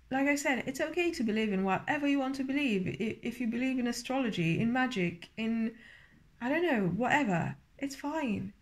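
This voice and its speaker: Tipsy woman with a higher-pitched voice, rambling. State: tipsy from drinking. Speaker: video reviewer. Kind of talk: casual, rambling episode review.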